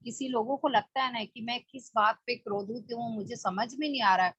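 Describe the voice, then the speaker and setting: A woman's voice: fairly high pitch, brisk, fairly bright tone, husky, dry recording. A woman leading a spoken book study, explaining plainly with rhetorical questions. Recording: dull lo-fi dry recording.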